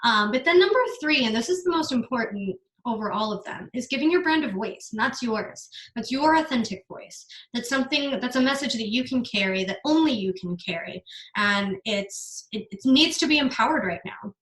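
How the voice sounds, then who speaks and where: A woman's voice: on the high side, normal speed. Earnest young woman coaching in an echoey room. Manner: earnest, energetic, casual with occasional swearing. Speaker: business coach giving a masterclass. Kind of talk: casual online masterclass.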